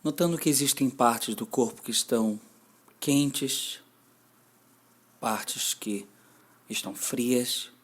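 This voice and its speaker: Guiding listeners through mindfulness meditation, a man speaks in a mid-range voice with a Brazilian Portuguese accent. His instructions are soft and deliberate, with long pauses left between them.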